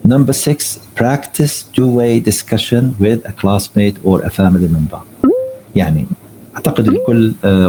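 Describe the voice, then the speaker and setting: Low mellow guy teaching english online, reads the tips slow then explains them in arabic. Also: slight background noise, rough recording. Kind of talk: online lesson.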